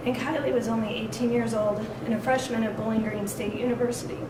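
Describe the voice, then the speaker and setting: A woman victim advocate reading a victim impact statement aloud in a steady, measured way, captured in a courtroom recording. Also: fairly high pitch. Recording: echoey courtroom, distant mic, noise.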